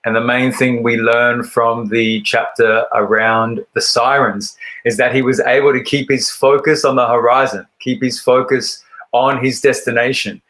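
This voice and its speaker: Guy retelling an old myth slowly and thoughtfully, mid pitch, lots of pauses, shifts into rhythmic poem reading. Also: level tone, a bit bright, low-quality recording. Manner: measured, thoughtful storytelling with deliberate pauses; recites poetry in a raised, rhythmic voice. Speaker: poet and speaker. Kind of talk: reflective storytelling talk.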